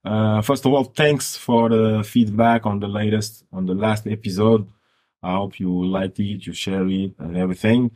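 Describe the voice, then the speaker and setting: A man whose first language is French, hosting a podcast interview in English in a friendly way, often repeating words. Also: on the low side. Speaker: podcast host.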